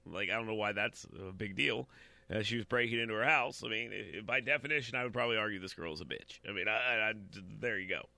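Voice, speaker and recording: A man's voice: fairly low pitch, fast talker, gravelly, sharp tone, no room sound. A man giving blunt, opinionated commentary while reading out a news story, talking straight to his audience and stumbling over repeated words.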